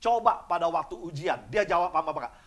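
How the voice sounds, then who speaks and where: A man delivering an animated church sermon. His voice sits high, and he keeps putting questions to the congregation and slipping into quick acted-out voices as he preaches. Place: church service.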